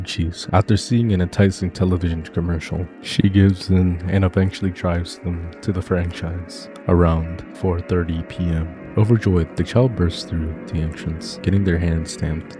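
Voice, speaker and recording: A man reading scripted horror story narration as a YouTube narrator, in a steady, even retelling. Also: deep voice. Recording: music playing behind.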